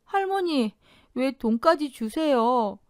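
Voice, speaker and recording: A woman's voice: high voice, lively intonation, slow pace, dry recording, studio quality, voice pushed up. A woman voicing an outspoken teenage granddaughter who pleads and stands up to her father in an audio drama. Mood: pleading. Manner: pleading, defiant.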